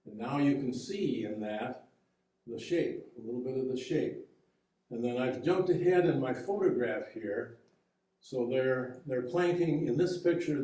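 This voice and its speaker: A man presenting a local history talk on boat building, explaining slides in a halting, conversational way with fillers and restarts. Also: mid-range voice, dark tone, distant mic. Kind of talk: public history lecture with slides. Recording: echoey room, heard from afar.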